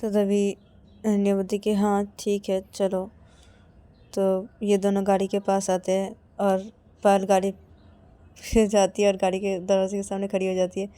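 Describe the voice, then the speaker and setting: A woman's voice: medium pitch, monotone, normal speed, dark tone. A woman telling a story in a plain, repetitive way and voicing all of its characters.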